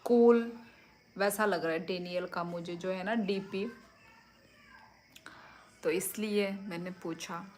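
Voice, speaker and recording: Middle-aged woman, unhurried livestream chat, phone mic at home. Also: mid-range voice, steady tone, a little mellow, slight background noise. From Tripura, India. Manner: slow, easygoing, answers viewers one by one. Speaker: livestream host. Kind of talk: casual live chat reading comments. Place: home at night.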